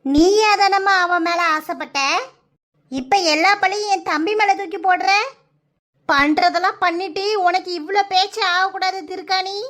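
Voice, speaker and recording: A woman's voice: very high voice, normal speed, fairly bright tone. A woman voicing a reproachful, indignant middle-aged village mother in a cartoon, with a southern Tamil Nadu accent. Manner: reproachful, scolding.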